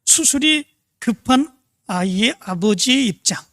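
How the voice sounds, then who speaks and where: A preacher slowly telling a devotional story, with many hesitant fillers, retelling it as hearsay. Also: mid-range voice, lively intonation, fairly bright tone, no echo.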